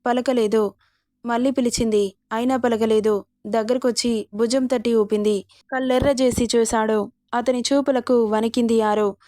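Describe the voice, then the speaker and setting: A woman narrating a serialized romance story in a steady reading voice. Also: fairly high pitch, normal speed, dry recording, studio quality.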